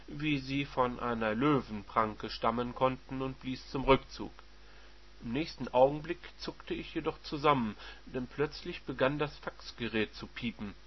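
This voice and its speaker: A man reading a first-person story aloud in a wry, measured narrating voice, on a dull lo-fi recording. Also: mid-range voice, husky. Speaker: audiobook narrator.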